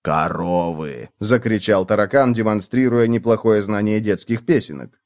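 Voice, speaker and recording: A man narrating a children's storybook in a lively, expressive reading style. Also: fairly low pitch, normal speed.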